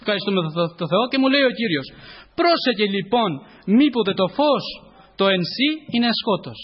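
A man giving a testimony sermon in church, often thanking the Lord and calling listeners brothers, with halting, self-correcting phrasing. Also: high-pitched, expressive, husky, dull audio.

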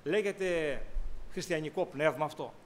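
High-voiced male preacher. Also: slight background noise. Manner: preaching with rhetorical questions to the congregation; swings between loud emphatic lines and low quiet asides. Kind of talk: sermon.

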